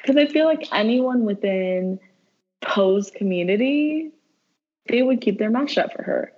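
A woman casually chatting about a TV show, excitable, swearing and laughing often. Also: a little high, unhurried, highs cut off. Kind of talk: casual chat reviewing a TV show.

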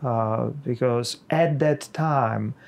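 A middle-aged Czech pastor with a Czech accent speaks slowly and haltingly, pausing often, in a podcast conversation. His medium-pitched voice is gravelly and a little mellow.

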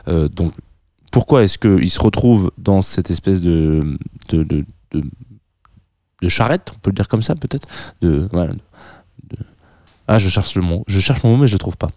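Low mellow-voiced French radio host man. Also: no room sound. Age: 30s. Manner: hesitant, many fillers and restarts, self-mocking. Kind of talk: casual radio chat introducing a track.

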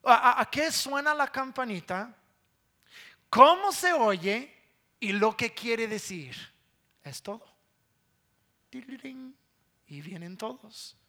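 A man's voice: sits high, bright, forceful tone. A man in his thirties preaching a sermon, telling a conversational story with repeated words and playful sound imitations.

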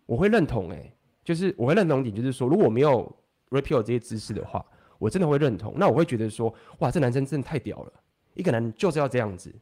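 A man talking fast and animatedly in a casual podcast chat, swearing now and then. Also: medium pitch, big pitch swings, warm tone, breathy edge.

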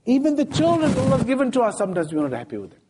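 Racing along in a very high-pitched voice over a noisy background, a man preaches a Friday talk as sheikh in a mosque. He narrates stories in everyday speech, re-creating scenes with vivid quoted dialogue.

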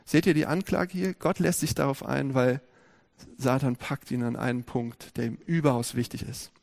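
A man preaching a sermon, speaking lively and directly to his congregation with many rhetorical questions. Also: mid-range voice, moderate pace, gravelly.

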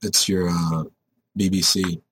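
A man's voice: low voice, level tone, takes it slowly, fairly bright tone, breathy edge, dry recording. A young man co-hosting a casual podcast, joking around and ranting with mock intensity about training. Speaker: podcast co-host. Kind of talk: casual chat.

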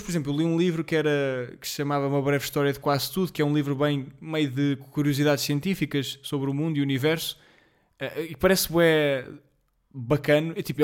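Hosting a casual podcast on his own, this twentysomething man speaks with a European Portuguese accent, a slightly high voice and plenty of Lisbon slang. His rambling, filler-packed talk is self-deprecating, and he apologizes for sounding jittery and out of rhythm.

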